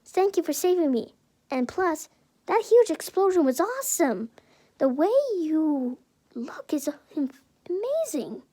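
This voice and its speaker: Sweet breathy schoolgirl, pitched high and slow; a woman plays her. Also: very animated, warm tone. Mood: admiring.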